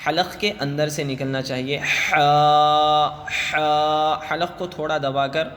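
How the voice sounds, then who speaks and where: A man teaching children Quran letters with tajweed. He chants each letter slowly and drawn out, then explains it quickly. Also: a little high, fairly even intonation, fairly bright tone. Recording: long reverb, faint music.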